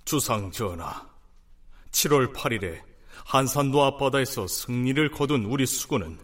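An actor playing a solemn admiral in a historical radio drama, speaking in a grave, formal, measured way, a little away from the microphone. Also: male voice, mid-range voice, a bit bright, recorded from a distance, natural voice. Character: solemn male admiral reporting humbly to his king.

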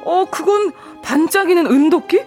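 A woman's voice: extremely high pitch, moderate pace, a little mellow, faint music behind. A woman voicing an honest, timid young male woodcutter who speaks politely and stammers. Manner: polite, stammering, old-fashioned formal speech.

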